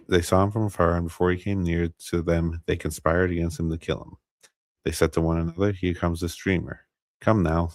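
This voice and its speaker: An American man with a deep, even voice walks through a Bible passage for his stream. He pauses on fillers, restarts, and second-guesses how names are said. The sound is close and dead, with no room around it. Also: no room sound. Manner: halting, many fillers and restarts, unsure of pronunciations. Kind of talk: casual Bible teaching and scripture reading.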